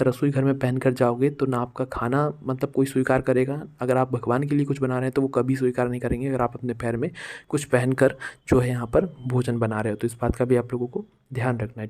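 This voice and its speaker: A man's voice: medium pitch, darkish tone. A man talking casually to his viewers, giving household advice in a repetitive, friendly way and calling them friends. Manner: repetitive, addresses listeners as friends. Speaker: vlogger giving household remedies.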